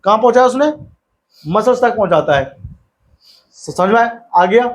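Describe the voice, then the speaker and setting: Chatty high-voiced male science teacher. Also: animated. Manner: chatty, tells funny anecdotes, asks and answers his own questions; reads English textbook lines slowly, word by word. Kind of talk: casual classroom lecture.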